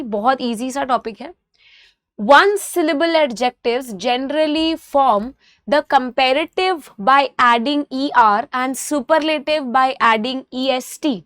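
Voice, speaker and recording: With an Indian accent, a woman teaches a grammar lesson, moving slowly and carefully in English but quickly in Hindi as she spells out letters and repeats example words. Her voice sits high and fairly bright. The studio sound is clean, with no echo.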